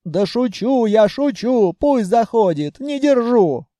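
A man's voice: extremely high pitch, animated, slow pace, mellow, no echo, pitched above the performer's own voice, exaggerated voice. A man voicing a mischievous, possessive female spirit of a treasury vault in an audiobook. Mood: teasing. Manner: teasing, possessive.

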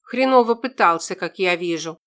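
A woman's voice: fairly low pitch, animated, moderate pace, a bit bright, clear, resonant tone. A woman reading an audiobook, voicing a blunt, bossy woman soldier who scolds coarsely. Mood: angry scolding.

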